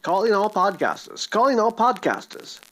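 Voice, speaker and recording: A breathless vintage newsreader rattles through a dramatic bulletin in a grand, exaggerated announcer cadence, as someone puts him on. The voice sits at a middling pitch and keeps tipping into overexcited exclamations. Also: big pitch swings, moderate pace, over loud music, natural voice. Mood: urgent. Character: frantic old-time newsreader, excitable, theatrical. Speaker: mock news announcer in a podcast promo. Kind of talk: retro emergency radio bulletin parody.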